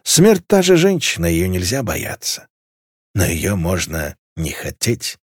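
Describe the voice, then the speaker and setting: An aloof nobleman drawls in a low, unhurried voice, as a male reader plays him. His replies are dry and mocking, dropping to a deep murmur. The read sounds close and dry. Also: wildly swooping pitch, breathy edge, dry recording, heavily acted. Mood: lazy, mocking.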